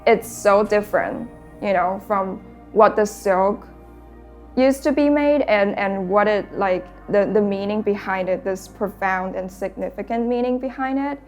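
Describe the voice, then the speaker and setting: A young woman from Taiwan, a painter talking thoughtfully about her work in a documentary interview, often pausing to search for words. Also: medium pitch, soft background music.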